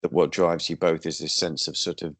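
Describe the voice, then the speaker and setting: Deep-voiced male podcast host, thoughtful. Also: little pitch movement, brisk, slightly rough, no room sound. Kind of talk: reflective podcast commentary.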